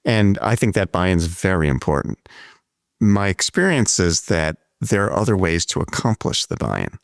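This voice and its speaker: A man hosting a podcast conversation, speaking in a measured, reflective way and explaining his ideas at length. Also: low-pitched, big pitch swings, gravelly, dry recording, clean studio sound. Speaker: podcast host. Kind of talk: conversational interview.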